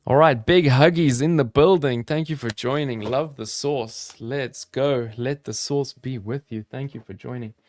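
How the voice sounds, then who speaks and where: An upbeat, chatty man from South Africa, his South African accent softened toward American, hosting a live trading stream and talking straight to his viewers. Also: mid-range voice, a little slow, few pauses, dry recording. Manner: upbeat, chatty, addresses chat viewers directly. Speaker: crypto trading livestream host. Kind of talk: casual live-stream commentary.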